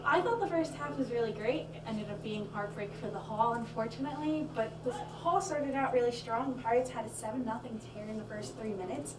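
In a student basketball recap, a young adult woman with a fairly high pitch co-hosts, chatting casually and firing off stats amid fillers. She holds a handheld mic placed far away in an echoey small studio with a stadium backdrop, crowd noise in the background.

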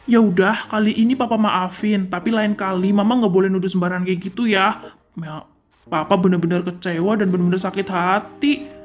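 A woman voicing a gentle young father in a game role-play story, defensive and reproachful. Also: medium pitch, steady tone, a little fast, soft background music, lightly acted.

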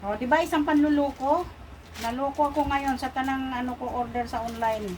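A woman's voice: sits high, steady tone, fairly quick, a little mellow, poor audio. A woman with a Filipino accent and missing front teeth, chatting casually to viewers as an online unboxing vlogger. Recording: noticeable background noise.

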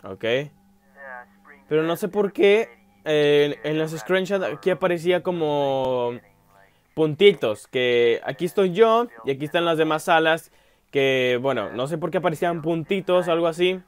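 Young man, fairly high voice, gameplay commentary, rambling, many fillers, loud startled yelps. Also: moderate pace. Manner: bursts into loud yelps at jump scares. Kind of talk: let's play commentary.

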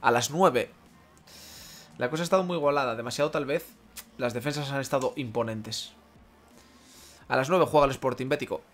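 Excitable Spanish-speaking streamer man. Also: mid-range voice, normal speed, pauses often, soft background music. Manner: excitable, swears, mock-preaching rants at chat. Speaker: streamer playing a football career mode. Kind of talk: casual gaming commentary to chat.

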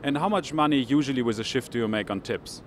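A man's voice: medium pitch, fast, slight background noise. A man in his forties with a German accent, doing a street interview as a finance correspondent, hesitant with many ums in English. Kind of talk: street interview, report to camera. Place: outdoors on a city street. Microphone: handheld microphone.

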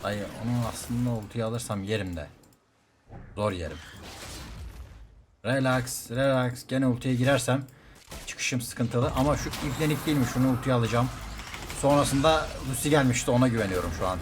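A young man talks through his match in jumpy, excitable bursts, repeating words as the action heats up. His voice sits in a middle pitch. Clear background noise runs under the stream. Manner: excitable, quick reactive outbursts, repeats words. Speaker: game streamer. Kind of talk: live gameplay commentary.

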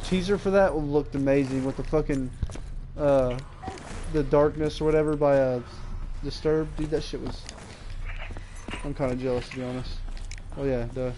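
A man's voice: a little high, fairly even intonation, moderate pace, pauses often, mellow. A man streaming a video game in casual chat, talking like a frat bro with lots of slang and swearing. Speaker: livestreamer playing a video game. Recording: noisy mic with game sound.

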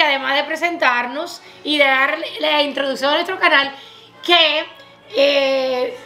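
Bright-voiced Cuban woman vlogging. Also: high voice. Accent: Cuban Spanish. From Cuba. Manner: chatty and laughing, mixing in English words. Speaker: vlogger, channel co-host. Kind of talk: casual chat. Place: home kitchen, indoors.

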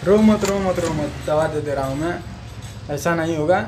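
A man's voice: on the high side, moderate pace, background noise. A man acting out a comic sketch as a doctor, teasing his patient with brash, coarse banter. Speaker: comedy sketch actor.

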